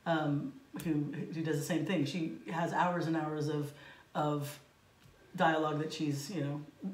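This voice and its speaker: A woman's voice: sits low, steady tone, unhurried, darkish tone. A woman co-hosting a podcast, chatting and teasing her co-host with plenty of fillers. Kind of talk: casual chat. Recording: echoey room, distant from the mic.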